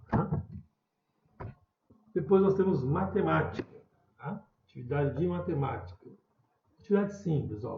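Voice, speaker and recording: A man, a primary school teacher explaining a lesson patiently, stretching out example words and calling out stressed syllables. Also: fairly high pitch. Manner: patient, repeats words slowly, calls out stressed syllables loudly. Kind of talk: recorded remote class explanation. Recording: roomy, dull home recording.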